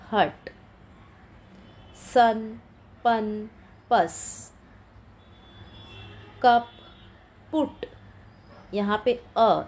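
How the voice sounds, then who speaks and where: Woman slowly spelling out phonics words. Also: medium pitch, gravelly, a little mellow, a little hiss or hum, rough recording. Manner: slow, spells letters one by one and repeats each word. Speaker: teacher.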